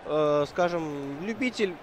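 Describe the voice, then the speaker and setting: A man's voice: fairly high pitch, expressive, takes it slowly. A man giving live esports hockey commentary in a conversational, analytical way, with frequent hesitations. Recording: noisy venue with crowd behind the voice. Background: crowd and venue noise.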